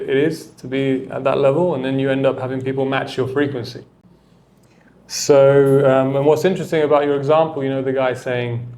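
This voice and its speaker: A man's voice: medium pitch, darkish tone. Reflective male coach in casual interview. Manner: reflective, loose with filler words. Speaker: tennis coach and mentor, guest.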